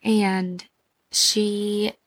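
A woman's voice: mid-range voice, little pitch movement, very slow, husky, dry recording. A woman giving a casual, chatty, slangy devotional talk as a podcast host, her voice thick and muffled from a swollen throat. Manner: chatty, slangy, addressing listeners as girls and guys.

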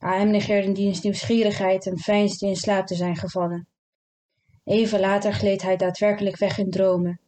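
A woman reading a literary novel aloud in a calm, measured way. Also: medium pitch. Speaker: narrator. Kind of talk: literary audiobook narration.

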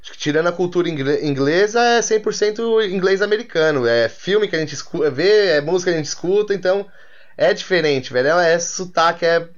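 A Brazilian man hosting a podcast, chatting casually in a relaxed, slangy, run-on way. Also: high-pitched, fairly quick, muffled recording. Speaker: podcast host. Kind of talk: casual chat.

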